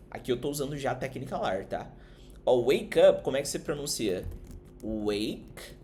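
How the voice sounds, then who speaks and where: A man with a Brazilian Portuguese accent, teaching English online. He explains in Portuguese and slowly repeats English phrases to show how they sound. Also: medium pitch, a little mellow, a little hiss or hum.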